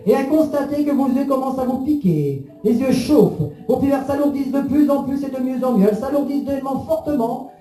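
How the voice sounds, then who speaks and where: A man's voice: very high voice, a little fast, hardly any pauses, mellow. A man leading a guided hypnosis session in a soothing, repetitive, suggestive manner. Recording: roomy echo under music.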